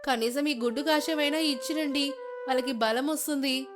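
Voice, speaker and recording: A woman's voice: high-pitched, brisk, pitched above the performer's own voice, lightly acted. A woman voicing a naive, cheerful young daughter-in-law from a village who chatters eagerly.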